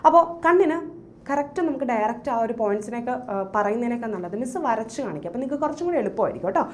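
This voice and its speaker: A woman teacher giving an online biology class with a Malayalam accent, asking quick questions and answering them herself, repeating key terms and mixing in English words. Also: fairly high pitch, animated. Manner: quick, call-and-response questioning. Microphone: drawing on a screen while talking.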